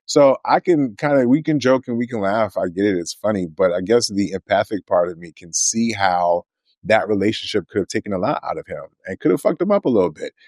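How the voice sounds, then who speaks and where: A man's voice: lowish voice, lively intonation, a little mellow, no room sound. A man in his forties co-hosting a casual podcast chat, thinking aloud in a hesitant, reflective way. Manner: musing, hesitant, reflective, with filler pauses and restarts. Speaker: podcast co-host.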